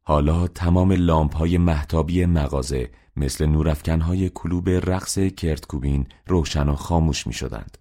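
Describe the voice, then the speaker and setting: A man reading a novel aloud as an audiobook narrator, in a steady, measured way. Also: extremely low pitch. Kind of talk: scripted narration.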